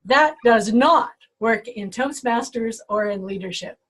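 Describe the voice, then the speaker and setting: A woman with a somewhat high voice gives a short prepared talk. She speaks in a measured, instructive way over a video call. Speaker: inspiration speaker.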